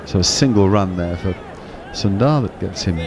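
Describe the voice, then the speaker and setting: A man giving measured, explanatory ball-by-ball cricket commentary. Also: low-pitched, crowd noise, background noise. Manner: measured, explanatory, with small restarts.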